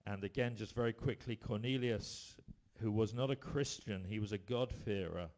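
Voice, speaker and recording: A man's voice: lowish voice, normal speed. Man preaching a sermon. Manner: storytelling, rising to emphatic bursts then dropping quiet.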